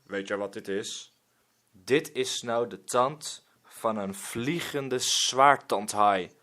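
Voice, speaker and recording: A man's voice: mid-range voice, slow, pushed and bright. A man voicing a grumbling old male ex-pirate who barks orders. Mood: boastful.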